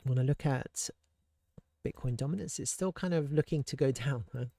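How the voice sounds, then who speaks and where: A man talks through market charts in a loose, thinking-aloud way, tossing in rhetorical questions and restarting sentences. His voice sits in an ordinary middle pitch. The recording is dry and close, with no room sound around it. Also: normal speed, gravelly, warm tone, no room sound. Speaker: crypto market analyst. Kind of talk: casual market commentary.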